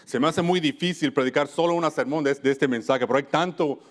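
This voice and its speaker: A man's voice: a little high, fairly quick. A man from Wisconsin preaching a church sermon, earnest, often stopping to restart and correct himself mid-phrase. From United States (Wisconsin).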